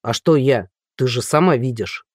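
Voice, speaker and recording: A man's voice: mid-range voice, moderate pace, dry recording, clean studio sound, voice pushed down, natural voice. A reader voicing a gloomy, tactless male police captain who drawls his blunt remarks. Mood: glum.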